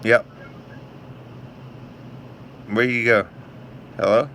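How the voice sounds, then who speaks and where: Casual male phone talker, bright voice, evasive and rambling as he strings callers along, faint background noise. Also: medium pitch, fairly even intonation, extremely slow. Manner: rambling, evasive, playing along with odd answers. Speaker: prank caller baiting telemarketers.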